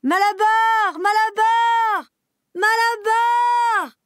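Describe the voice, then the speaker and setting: A woman voicing a mare in a storybook reading, calling out in high, drawn-out, desperate cries. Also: steady tone, a bit bright, no echo, studio quality, exaggerated voice. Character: desperate mare calling after her friend.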